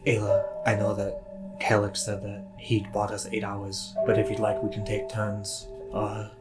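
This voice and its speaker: A man with a lowish, utterly flat voice speaks softly and tentatively as his character in a tabletop game. Clear music plays behind him. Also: measured pace. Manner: soft-spoken and tentative, many "um"s. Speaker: player.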